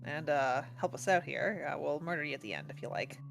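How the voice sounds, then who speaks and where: A woman's voice: low-pitched, lively intonation, a little fast, creaky. A woman playing a tabletop game and talking casually with the group.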